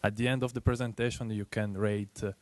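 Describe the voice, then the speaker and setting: Presenting at a tech meetup, a man with an Italian accent speaks earnestly and haltingly, using many fillers. His voice sits on the low side with a flat delivery and no echo.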